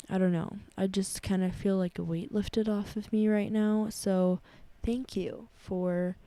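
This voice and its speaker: A tired young woman in her twenties hosting a casual advice podcast from her bedroom, talking softly and slowly. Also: mid-range voice, no room sound. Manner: soft, sleepy and unhurried. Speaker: podcast host. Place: her bedroom at her parents' house.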